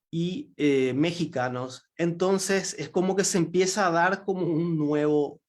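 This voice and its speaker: A man from Paraguay with a Paraguayan Spanish accent, giving a symposium talk in a hesitant way, with many fillers and restarts. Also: mid-range voice. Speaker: symposium speaker. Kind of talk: lecture talk.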